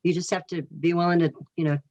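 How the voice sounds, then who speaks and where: Eager woman with a lowish voice. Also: level tone, fast talker, a little mellow, muffled recording. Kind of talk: casual panel talk.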